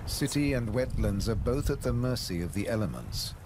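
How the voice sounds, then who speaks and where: A man reading scripted nature documentary narration in a measured way, with dramatic pauses for emphasis. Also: fairly low pitch, big pitch swings, noisy background. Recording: loud music under studio narration. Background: prominent music.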